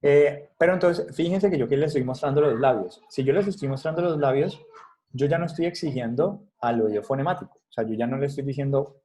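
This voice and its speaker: A man's voice: medium pitch, dark tone. A man lecturing students over a video call, explaining step by step and checking in often with short questions. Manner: explanatory, checks in with frequent "¿vale?" and "¿sí?". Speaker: instructor. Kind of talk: online class lecture.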